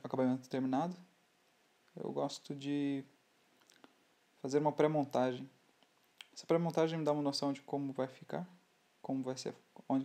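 A man with a Brazilian Portuguese accent explaining scale model building in a relaxed, halting way, often restarting his sentences. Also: mid-range voice. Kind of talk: hobby tutorial voice-over.

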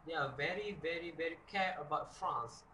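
A man's voice: a little high, moderate pace, pushed and bright, a little hiss or hum. A young man with a Malaysian accent, talking earnestly to a camera in a dorm room and acting out short skits. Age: young adult. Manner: switches between earnest talk and mocking skits. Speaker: sketch vlogger. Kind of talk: video commentary with skits. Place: dormitory room, indoors. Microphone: camera mic at short distance. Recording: echoey room.

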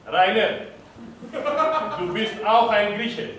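A man's voice: sits high, steady tone, slow pace, background noise. A male stage performer playing a Greek official in an opera, speaking in a theatrical, declamatory way. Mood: solemn. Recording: echoey stage from far off with music.

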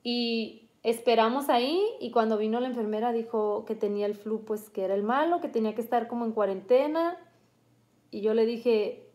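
A woman's voice: fairly high pitch, moderate pace, a little mellow. A woman and mother earnestly recounting a family illness in a vivid personal story, often restarting her sentences.

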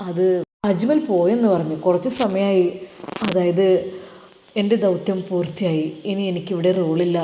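Woman doing a young guy passing on news, loud and mellow, echoey room. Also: medium pitch, steady tone, measured pace, slight background noise, natural voice. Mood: urgent. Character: young man, dutiful son.

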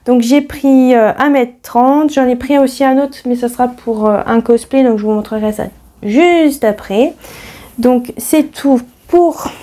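Chatty woman, mellow voice. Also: a little high. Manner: chatty, many fillers and self-corrections. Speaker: sewing vlogger. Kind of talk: casual fabric haul chat.

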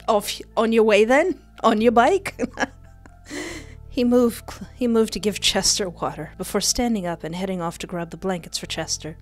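At her desk, a young woman streamer reads a visual novel aloud and reacts with cheeky, sassy comments. She talks at normal speed in a medium pitch, using a headset and close desk microphone while faint game music plays.

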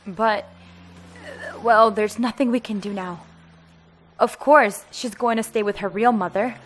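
A woman voicing a cautious, caring adoptive mother in an animated game story. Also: mid-range voice, a little slow, soft background music, close to an everyday voice. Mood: resigned.

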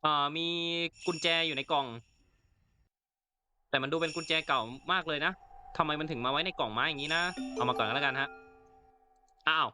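A man's voice: a little high, a little fast, long pauses, pushed and bright, faint music behind. A man hosting a let's play of a horror game, reacting chattily and reading the in-game text aloud. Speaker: gaming channel host.

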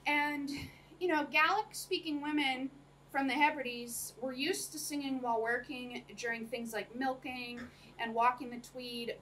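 This academic talk comes from a young woman lecturer addressing a small audience, chatty throughout and laughing often between ums. Her voice is high-pitched with a fairly bright tone. Recorded by a camera across a small room with a projector screen, the mic sounds distant and faintly noisy.

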